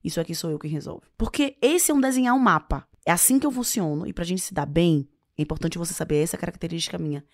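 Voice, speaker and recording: A woman's voice: on the low side, fast talker, hardly any pauses, no room sound, clean studio sound. A woman, an author answering interview questions with advice and leaning hard on key words. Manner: expressive, stressing words as she explains. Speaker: author and guest.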